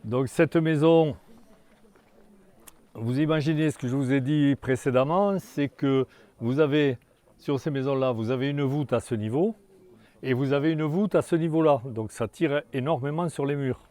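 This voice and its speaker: Halting older man guiding a tour. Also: medium pitch, warm tone. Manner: halting, many restarts and fillers. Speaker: tour guide. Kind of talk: guided tour talk. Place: outdoors in a hamlet.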